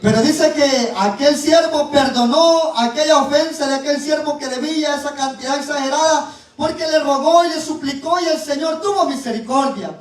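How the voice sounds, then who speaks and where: A male preacher giving a sermon with Bible reading, dropping in "¿verdad?" and "eh" and drawing out key words slowly. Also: very high-pitched. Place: church. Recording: very echoey, voice far from the mic.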